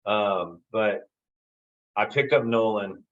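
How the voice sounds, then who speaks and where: Man telling a lively story. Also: lowish voice, slow. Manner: animated, acts out quoted dialogue. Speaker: guest storyteller. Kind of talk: casual storytelling. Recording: slightly dull lo-fi audio.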